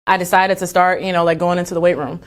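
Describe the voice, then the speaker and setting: Woman from Texas, athlete guest in a podcast interview, lowish voice, chatty with many fillers. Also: level tone, quick pace. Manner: chatty, full of fillers like "you know". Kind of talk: casual interview.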